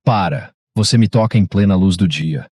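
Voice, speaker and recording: A man's voice: deep voice, normal speed, a little mellow, breathy edge, dry recording, clean studio sound. A man reading a frightened young woman's lines. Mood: anxious. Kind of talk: recap narration quoting dialogue.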